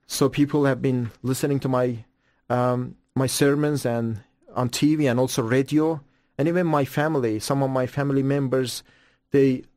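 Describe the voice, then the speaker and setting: A man's voice: mid-range voice, steady tone, normal speed, darkish tone, no echo, clean studio sound. A man from Iran gives his testimony as an interview guest. He tells his story earnestly and fervently, often stammering into restarts. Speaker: guest evangelist.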